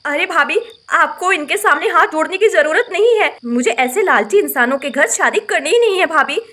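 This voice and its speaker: Outspoken young bride, blunt and indignant, super high bright voice, a woman doing it. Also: lively intonation, normal speed, exaggerated voice. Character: outspoken young bride, sharp-tongued and proud.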